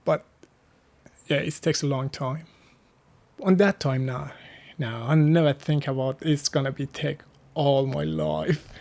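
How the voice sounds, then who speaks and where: A man from Afghanistan, a guest in a casual interview, speaking halting second-language English with restarts and soft laughs. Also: medium pitch, animated.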